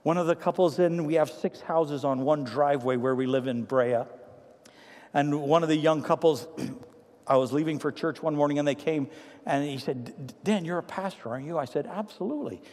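An older male pastor delivers a sermon with a fairly high voice. He tells stories emphatically, rising to loud declarations and dropping to hushed asides. His voice carries a long reverb from the church hall. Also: steady tone, moderate pace. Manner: emphatic storytelling preacher, swinging from loud to hushed. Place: church sanctuary.

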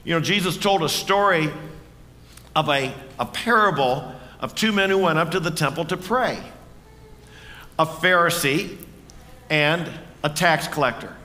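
A man's voice: on the high side, unhurried, pauses often, bright, forceful tone, in a large hall. A man preaching a sermon in a church, earnest and conversational, often asking the congregation questions. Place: church sanctuary.

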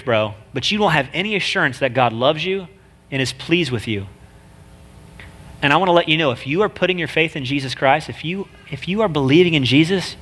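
A man with a nasal voice preaches as a guest, delivering a casual sermon packed with jokes and slang. His voice is on the high side and a bit bright, and his manner is chatty.

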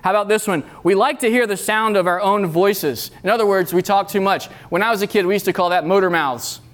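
High-voiced man preaching earnestly. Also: brisk. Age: middle-aged. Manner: earnest, repeats key phrases for emphasis. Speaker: youth pastor. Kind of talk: sermon. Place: retreat meeting room.

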